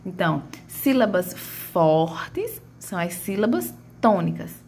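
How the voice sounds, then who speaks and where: A woman's voice: lowish voice, animated, slow pace, a little mellow, slight background noise. A woman teaching a grammar lesson, stretching out and calling out example words as she explains.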